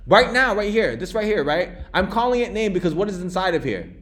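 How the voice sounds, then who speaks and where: A young American man, a coding instructor, teaches a live classroom lesson in a high, sing-song voice with a fairly bright tone and a fairly quick pace. He talks casually, restarting often and checking in with "okay?" and "right?"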